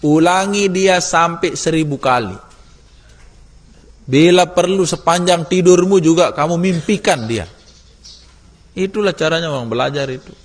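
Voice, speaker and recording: A male religious teacher giving a lively classroom lesson, teasing and urging his students on. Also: a little high, normal speed, long pauses. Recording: long hall reverb.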